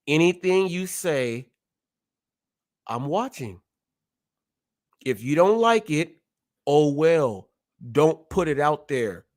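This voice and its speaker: A man in his forties hosts his own live show, boasting and calling out his critics head-on. He stutters now and then, and his voice sits high while he takes his time with the words. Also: big pitch swings, slow pace, pauses often, a little mellow. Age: 40s. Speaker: host. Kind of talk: ranting live-stream commentary.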